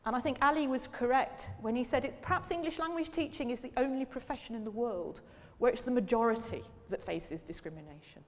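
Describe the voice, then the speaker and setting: A woman professor speaks a little fast, with hardly any pauses, in a fairly high voice during a public lecture on language teaching. She asks the audience questions as she goes, and the lecture hall gives her voice a long reverb.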